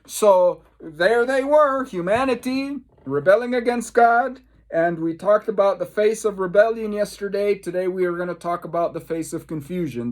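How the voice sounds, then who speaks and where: Speaking with a voice on the high side, a Caribbean pastor guides a devotional Bible study. He shares personal stories emphatically, repeating phrases and pausing for effect.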